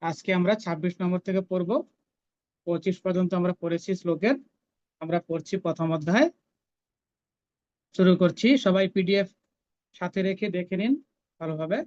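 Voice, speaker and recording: A woman teaching a scripture recitation class, chanting each verse slowly and then explaining how to pronounce it. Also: on the low side, fairly even intonation, darkish tone, muffled recording.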